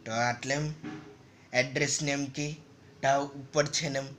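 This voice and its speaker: A man's voice: medium pitch, fairly even intonation, a little slow, a bit bright, slight background noise. A man casually narrating a story over a game, in loose, rambling and repetitive phrases. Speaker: gaming channel narrator.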